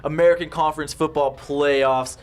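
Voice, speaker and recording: A man's voice: fairly high pitch, fairly even intonation, normal speed. A man doing enthusiastic, upbeat play-by-play commentary on a football game. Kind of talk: live sports commentary.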